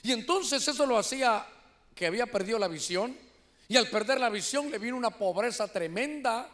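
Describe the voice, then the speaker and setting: A Honduran man preaching a sermon in church, lively and animated, often calling out to his listeners as brothers. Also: extremely high pitch, brisk. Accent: Honduran Spanish. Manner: shouts when voicing quoted cries. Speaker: pastor. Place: church sanctuary.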